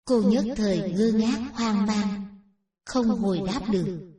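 A woman narrating a Buddhist teaching story in a measured, plain storytelling manner. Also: medium pitch, dark tone. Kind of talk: read Buddhist dharma story. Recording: roomy echo, distant from mic.

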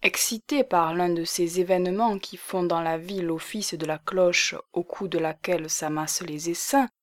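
A woman reading a classic novel aloud in a measured, deliberate narration. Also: lowish voice, fairly even intonation, no room sound. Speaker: audiobook reader.

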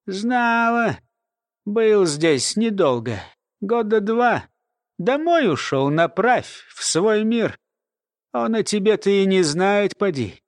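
Guy doing a grumpy old lady in an audiobook, sarcastic and lecture-y, fairly high voice. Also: sing-song, slow pace, no echo, clean studio sound, heavily acted. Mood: rueful. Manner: lecturing, sardonic. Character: sly, grumpy old woman, a lore-keeper. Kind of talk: audiobook character voice.

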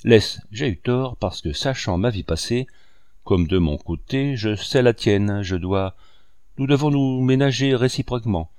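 A man's voice: medium pitch, measured pace, darkish tone, clean tone, no room sound, clean studio sound, pitched above the performer's own voice, lightly acted. A man voicing a frightened, guilty rich man who pleads and defends himself. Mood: defensive.

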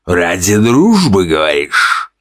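A deep-voiced man puts on a cruel bandit chief in an audiobook, mocking and contemptuous, often pushing his voice higher in scorn. The voice is low, and the recording is dry and close. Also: huge pitch swings, takes it slowly, a bit bright, dry recording, heavily acted. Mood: sneering. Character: scarred sneering bandit leader man, cruel. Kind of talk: audiobook character voice.

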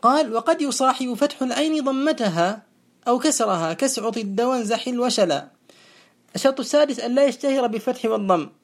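A teacher gives a methodical classroom lecture on a grammar poem. The voice sits at a middling pitch and slows down to spell out each verb form, repeating it several times. It often puts a question and then answers it. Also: animated. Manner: asks questions and answers them itself. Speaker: teacher of Arabic morphology.

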